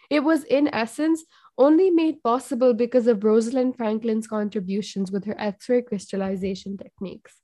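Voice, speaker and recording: A young woman with a stuffy, nasal voice, hosting a show in an earnest, measured monologue. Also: a little high, a little mellow, no room sound. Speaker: host. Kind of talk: scripted podcast monologue.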